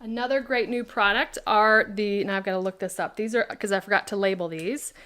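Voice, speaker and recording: A woman's voice: medium pitch, steady tone, fairly quick, fairly bright tone. Female craft demonstrator, casual livestream host, chatty and friendly with viewers. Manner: chatty, answers viewer questions by name. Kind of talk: live product demo chat.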